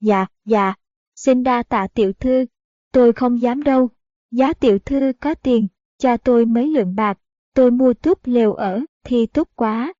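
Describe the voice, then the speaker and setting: A woman's voice: a little high, measured pace, mellow, no room sound, close to an everyday voice. A woman voicing a mocking old male beggar who is secretly a master fighter, in a sly, scolding way. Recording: dull, dry audiobook recording.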